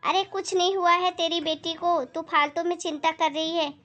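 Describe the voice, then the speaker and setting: A woman voicing a sharp-tongued older aunt who lectures her neighbor in a blunt, scolding way. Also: very high voice, steady tone, moderate pace, muffled recording.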